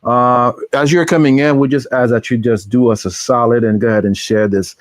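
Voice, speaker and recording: A man's voice: medium pitch, steady tone, a little fast, dry recording. A man co-hosting a live podcast with his wife, chatting casually and teasing playfully. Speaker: podcast co-host. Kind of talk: casual chat on a live show. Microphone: studio microphone.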